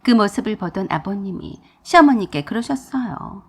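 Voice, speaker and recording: A woman's voice: medium pitch, lively intonation, moderate pace, breathy edge. A woman telling a radio drama story in the first person. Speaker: narrator.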